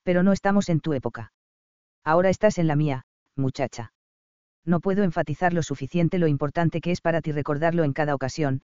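A man voicing a fierce medieval highland warrior in an audiobook, stern and commanding, speaking low and measured. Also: mellow, clean tone, no echo, dull audio, close to an everyday voice. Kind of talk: audiobook character reading.

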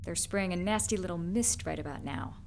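An actress playing a wry, confident ship's medic in an audio drama, with a dry, teasing manner. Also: female voice, fairly low pitch, a little fast, a little mellow, a little hiss or hum, natural voice.

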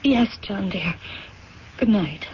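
An actress playing a gentle, anxious wife in a radio drama, hesitant and pleading, on a muffled old recording. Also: female voice, medium pitch, expressive, slow, slight background noise. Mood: anxious, coaxing.

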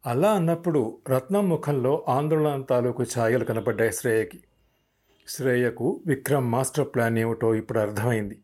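A male storyteller reading a serialized novel in a measured, formal way. His voice sits at an ordinary middle pitch. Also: darkish tone, breathy edge. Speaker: storyteller and host. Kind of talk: scripted audiobook narration.

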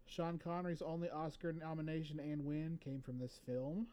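A man co-hosting a casual podcast, reading movie trivia from his notes in a relaxed way with fillers. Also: fairly high pitch, normal speed. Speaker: podcast co-host.

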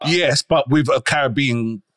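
Guy on a podcast, agreeing, short bits, mid-pitched. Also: measured pace, a bit bright. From England. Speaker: podcast guest or co-host. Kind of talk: casual podcast discussion.

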